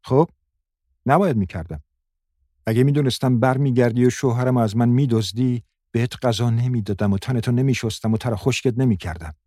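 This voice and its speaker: A man's voice: medium pitch, dark tone, no echo, studio quality, voice pushed up, close to an everyday voice. A man voicing a bitter, resentful grown woman who talks sharply and scolds in an audiobook. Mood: scolding.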